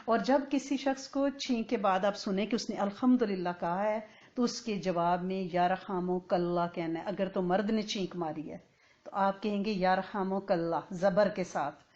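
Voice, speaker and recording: A woman's voice: mid-range voice, a little mellow. Woman teaching a religious lesson, dull lo-fi. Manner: conversational, often checks understanding with "right?"; chants Arabic phrases slowly and clearly. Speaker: Islamic teacher. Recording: dull lo-fi recording.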